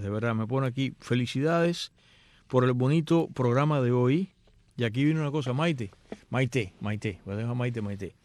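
Animated man hosting a radio show. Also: medium pitch, no room sound. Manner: animated, reads emails in playful put-on voices. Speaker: radio host. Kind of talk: radio show reading listener emails. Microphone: headphones and studio mic.

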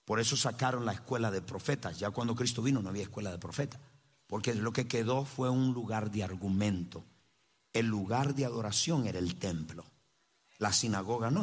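Male pastor, husky voice, passionate sermon delivery. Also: mid-range voice, big-room sound. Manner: impassioned preaching, rising to shouts.

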